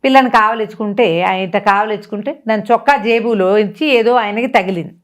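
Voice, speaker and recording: A middle-aged woman telling a dramatic story in a casual talk-show manner, lifting her pitch sharply for emphasis. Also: brisk. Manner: animated, swings up in pitch for emphasis. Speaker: storyteller guest.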